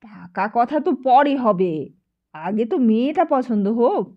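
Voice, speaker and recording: A brisk, self-assured older matchmaker brushes off every doubt, as a woman narrator puts her on. She speaks high and quick to decide, on slightly dull lo-fi audio. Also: expressive. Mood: bossy. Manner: brisk, dismissive, confident.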